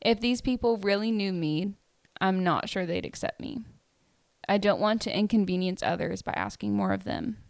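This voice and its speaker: A woman's voice: mid-range voice, normal speed, creaky, dry recording. A woman co-hosting a casual faith-based podcast, reading book passages aloud and leading the discussion with frequent laughter. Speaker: podcast co-host.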